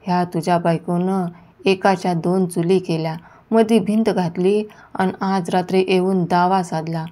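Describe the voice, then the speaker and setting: A fierce old village grandmother, as a woman reading the story voices her, scolding in a shrill, demanding voice. Her tone stays low and mellow underneath the sharpness. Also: steady tone, a little slow, close to an everyday voice. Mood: furious.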